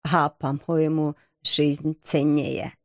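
A woman voicing a timid, gloomy, thin male knight who speaks softly, sadly and hesitantly. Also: deep voice, flat delivery, very slow, no echo, studio quality, voice pushed down, full character voice. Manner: soft, sad and hesitant.

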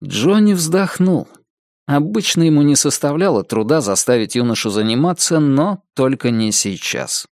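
Man narrating an audiobook, lively. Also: on the high side, normal speed, no room sound, clean studio sound.

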